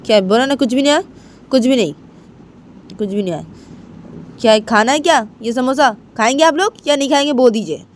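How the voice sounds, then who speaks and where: A woman voicing an irritable, tomboyish young woman who talks in masculine forms, loud and snappy. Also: lively intonation, moderate pace, long pauses, a little hiss or hum, close to an everyday voice. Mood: irritated. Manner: snappy, raised pitch and loud.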